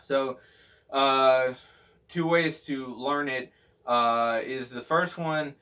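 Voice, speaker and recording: A man's voice: mid-range voice, drawn-out words, pushed and bright, clean tone. A man giving a casual spoken tutorial as a vocal technique instructor, talking in a hesitant, rambling way and repeating himself. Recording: dull, distant microphone sound.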